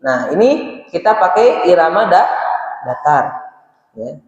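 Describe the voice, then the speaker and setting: A high-voiced man with a Sundanese Indonesian accent teaches recitation slowly, chanting verses and having his listeners repeat them. His voice rings through a big echoing mosque hall with a long reverb tail, and faint music plays behind. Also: sing-song, highs cut off. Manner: patient, repeats each verse and has listeners follow.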